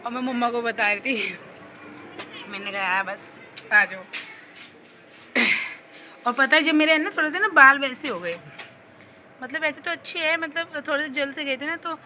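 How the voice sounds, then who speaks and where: Young woman vlogger, high and bright voice, rambling chatty storyteller, faint traffic behind. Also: a little fast. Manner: rambling, animated, laughs while telling stories. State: slight cough and sore throat.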